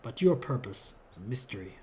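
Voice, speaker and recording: A man's voice: medium pitch, very animated, brisk, darkish tone, a little hiss or hum, lightly acted. A man reading the lines of a giant gilded iron lion automaton, a grim guardian who speaks in a grating, lordly and threatening way. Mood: menacing.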